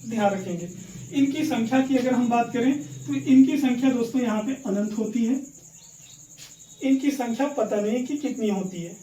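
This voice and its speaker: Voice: mid-range voice, moderate pace, mellow, a little hiss or hum. A Hindi grammar teacher giving an online lesson. The teacher repeats each point, quizzes the viewers and keeps calling them friends. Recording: echoey room, speaker far from mic.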